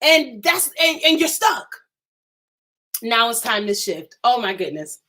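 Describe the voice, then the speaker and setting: A woman preaching fervently to live-stream viewers, emphatic and excited, repeating her phrases and stammering when she gets worked up. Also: fairly high pitch, measured pace. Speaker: inspirational speaker hosting a live stream.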